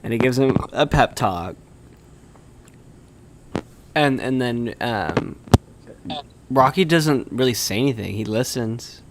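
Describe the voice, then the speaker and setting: Man, casual stream chat, animated film recap, quotes character lines, middle pitch. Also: slow, long pauses, noisy background. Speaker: stream co-host.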